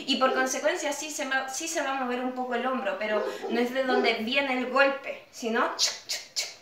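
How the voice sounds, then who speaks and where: A woman's voice: high-pitched, fairly even intonation, moderate pace, background noise. A woman teaching an online dance class, counting beats aloud and calling out cues over the music, recorded from a distance in an echoey room. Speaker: dance instructor. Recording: roomy echo, distant mic, loud music. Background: loud pop music.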